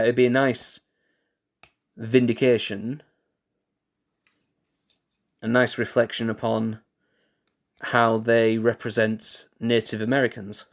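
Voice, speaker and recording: A man live-streaming in casual chat, thinking aloud in a laid-back way, restarting sentences and chuckling at himself. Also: mid-range voice. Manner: musing, thinks aloud with restarts and self-corrections.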